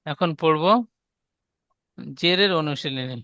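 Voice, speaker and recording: A man teaching a Quran reading class, spelling out letter sounds in a slow, patient, repetitive drill. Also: fairly high pitch, sharp tone, smooth, no echo.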